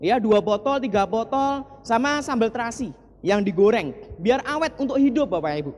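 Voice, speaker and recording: A man's voice: very high-pitched, expressive, moderate pace, darkish tone. Forties man from East Java, earnest motivational storyteller, long hall reverb. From East Java, Indonesia. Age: 40s. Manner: earnest, often turns to the audience with short asides. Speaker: motivational speaker. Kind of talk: personal story told to an audience.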